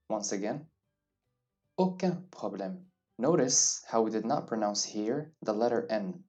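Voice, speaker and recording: A man's voice: on the low side, mellow, dull audio. A man teaching a beginner French lesson, patiently saying each phrase and then repeating it. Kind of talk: slow beginner language lesson. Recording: distant mic with faint background music.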